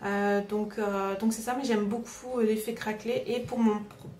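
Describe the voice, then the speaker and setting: A woman's voice: mid-range voice, fairly even intonation, moderate pace, a little mellow, far from the mic. Chatty woman unboxing in an echoey room. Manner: chatty, hesitant with frequent filler sounds. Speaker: craft vlogger host. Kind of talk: casual unboxing vlog. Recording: roomy echo, voice away from the mic, music behind. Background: background music.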